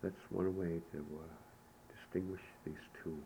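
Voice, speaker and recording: Man, very low voice, dark and mellow tone, unhurried, pronunciation drill, faint tape hiss. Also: steady tone. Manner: slow, measured, repeats words for the listener to echo. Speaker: language teacher. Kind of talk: recorded pronunciation lesson.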